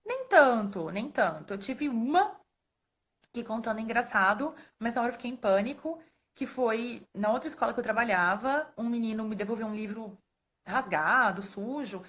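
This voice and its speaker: A woman in her thirties from Brazil tells stories from her work in a casual, animated way. She laughs often and slips into other people's voices when she quotes them. Her voice sits a little high, and she sounds like she is on a phone or webcam mic. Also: normal speed. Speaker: guest speaker, librarian. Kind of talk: casual storytelling in a live talk. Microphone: phone or webcam on a live stream.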